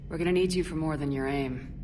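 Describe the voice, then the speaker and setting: A resolute human military commander, acted by a woman in a video game cutscene. Her voice is low for a woman, steady and direct, with clear noise in the background. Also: quick pace, lightly acted. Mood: friendly, wry. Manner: firm, direct.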